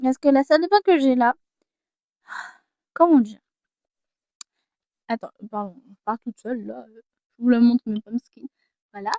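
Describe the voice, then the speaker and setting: A woman's voice: high voice, darkish tone, no echo, muffled recording. A teenage girl chatting casually as she shows off her gifts, self-mocking and easily distracted. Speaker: vlogger. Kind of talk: casual haul vlog.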